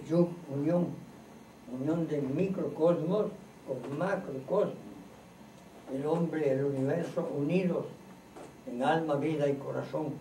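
A man giving an informal spiritual teaching to a gathered group, slow and earnest, repeating and listing points like a preacher. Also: a little high, vocal fry, mellow, slight background noise. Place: room in a private home. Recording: roomy, distant home recording.

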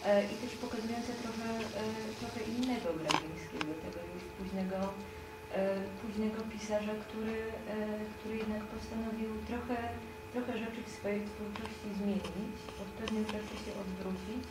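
A woman's voice: mid-range voice, fairly even intonation, brisk, echoey room, very noisy. A young woman moderating a panel discussion, drawing out her words thoughtfully with frequent fillers, recorded by a far camera in a dim room. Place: dim reading room at a live event.

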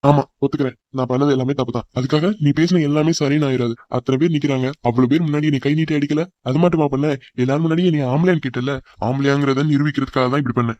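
A man voicing an arrogant rich young man, very rapid. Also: medium pitch, fairly even intonation, darkish tone, no echo, dull audio, close to an everyday voice. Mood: scornful. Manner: scornful, mocking. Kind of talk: cartoon voice acting.

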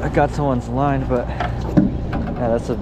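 A man's voice: mid-range voice, fairly even intonation, slow pace. A man vlogging his fishing trip from a party boat's deck, calling out each catch and explaining his bait rig. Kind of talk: casual first-person commentary while fishing. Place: deck of a party fishing boat at sea, outdoors. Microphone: wearable camera mic. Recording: loud wind and boat noise.

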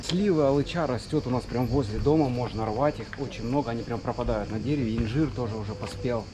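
A man's voice: mid-range voice, fast. A man in his thirties casually narrating a travel vlog outdoors in a chatty way, pointing things out to viewers on a handheld action camera. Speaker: travel vlogger. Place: outdoors on streets and roadsides. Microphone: handheld action camera at arm's length. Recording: clear outdoor traffic and ambient noise.

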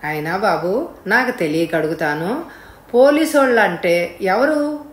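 A woman's voice: medium pitch, expressive, reverberant, natural voice. Woman putting on a cheeky drunk rickshaw man. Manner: slow, careless, teasing drawl. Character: drunk lazy male rickshaw puller, cheeky and mocking.

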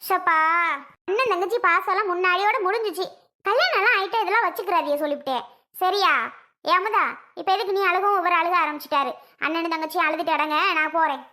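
A woman's voice: extremely high pitch, fairly even intonation, fast, bright, forceful tone. A woman voicing an impatient sister-in-law in a cartoon, curt and dismissive. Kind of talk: cartoon voice acting.

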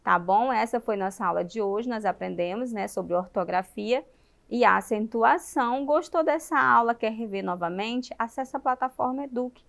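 A woman with a Brazilian Portuguese accent and a fairly high voice leads a primary school lesson for television. She keeps putting questions to the children and sounds out words slowly, one syllable at a time. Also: vocal fry.

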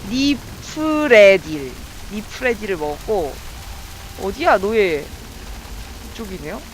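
Excitable high-voiced woman game streamer. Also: unhurried, slight background noise, poor audio. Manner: excitable, talks to viewers while playing. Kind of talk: let's play commentary.

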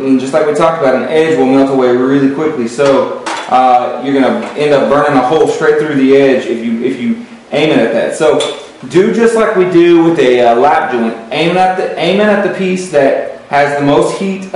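A male welding instructor gives a hands-on lesson in a metal workshop, his voice fairly high-pitched with a darkish tone. He talks plainly, with lots of fillers and repeated words. The recording is very echoey, picked up by a distant mic.

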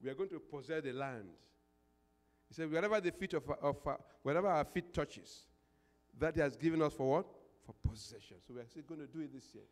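A man's voice: fairly high pitch, brisk. An older man preaching a sermon as a pastor, emphatic, repeating phrases and posing call-and-response questions into a handheld microphone. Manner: emphatic, swelling into prayer declarations. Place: indoor church stage. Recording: reverberant church hall.

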